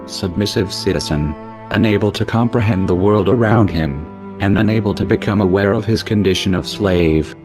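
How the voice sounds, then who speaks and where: A man's voice, disguised and lowered to a very deep rumble, reads out a grave, ominous scripted warning aimed at the listener. Music plays clearly behind him throughout. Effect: disguised, pitch-lowered deep voice. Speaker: anonymous narrator. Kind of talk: scripted narration of a warning message.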